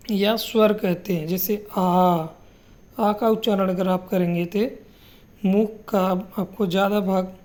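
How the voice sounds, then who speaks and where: Woman, teacher, grammar lesson, unhurried, mellow tone, rhetorical questions, repeats sounds. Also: medium pitch. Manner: asks rhetorical questions and answers them; repeats sounds slowly for students to copy.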